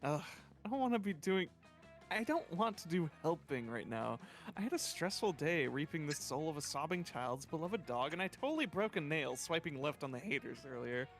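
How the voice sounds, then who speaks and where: Man playing a sassy, vain socialite reaper, animated. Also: on the high side, normal speed, faint music behind. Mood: whiny. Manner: theatrical, haughty, drawling.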